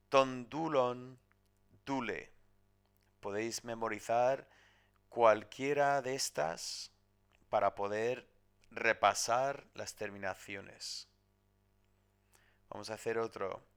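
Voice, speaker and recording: A man teaching a recorded grammar lesson, explaining step by step and often checking in with "¿vale?". He drills word forms slowly, syllable by syllable, and corrects himself as he goes. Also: mid-range voice, fairly bright tone, clear, resonant tone. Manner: self-correcting, with hesitations. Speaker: Greek teacher.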